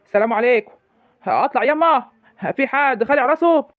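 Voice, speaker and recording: A performer playing a battered young rural husband in a comic village sketch, with a rural Egyptian accent, complaining fast. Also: high-pitched, lively intonation, no echo, phone-quality sound.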